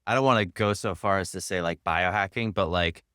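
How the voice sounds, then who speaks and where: Male host, thirties, very low pitch, dry close sound, casual and hesitant. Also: a little fast, sharp tone, clean tone, no echo. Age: 30s. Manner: rambling, hesitant, many fillers. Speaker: podcast host. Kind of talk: casual interview conversation.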